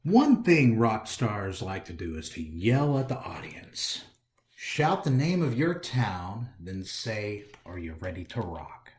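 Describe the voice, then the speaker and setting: An American man hosts a storytime, reading a picture book aloud theatrically and talking directly to young listeners. His voice sits on the low side, with big pitch swings and a slow pace. The indoor recording is roomy and echoey, with slight background noise.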